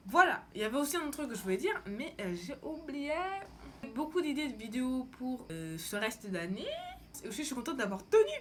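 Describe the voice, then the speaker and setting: A young French woman vlogs in casual chat to camera, her high voice very animated and fairly quick. Her talk is informal, slangy and rambling, with slight background noise.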